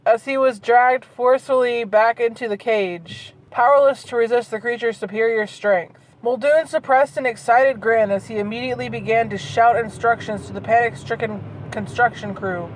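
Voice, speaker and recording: A woman mocks bad fan fiction as host, reading it aloud dramatically and interrupting with sweary, disbelieving remarks between passages. Her voice is a little high and steady, moving at normal speed with few pauses. It was recorded roughly in a moving car, with road noise clearly audible.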